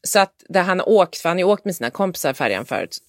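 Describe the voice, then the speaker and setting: A woman co-hosting a podcast, a mother who tells stories in an animated way and acts out both sides of each conversation. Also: on the low side, dry recording, clean studio sound. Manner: animated storytelling, acting out conversations. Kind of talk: casual chat among friends.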